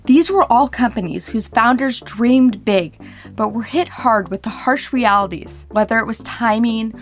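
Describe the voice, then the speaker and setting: A woman's voice: on the high side, measured pace, soft background music. A woman hosting a car vlog, narrating in an upbeat, sincere way. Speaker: vlog host. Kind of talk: scripted narration.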